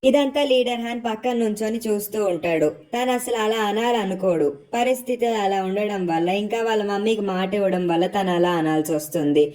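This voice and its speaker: A woman recaps a drama episode in a brisk storytelling voice. She talks very fast, keeping her pitch in an ordinary middle range. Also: a little mellow.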